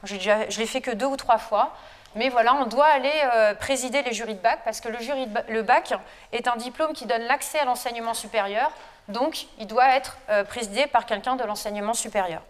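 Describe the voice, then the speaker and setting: Speaking in a lecture hall, a woman from France who works as a lecturer and researcher talks to students in a relaxed, conversational conference style full of hesitations. Her pitch is slightly high, her pace fairly quick, and a long reverb tail follows her words.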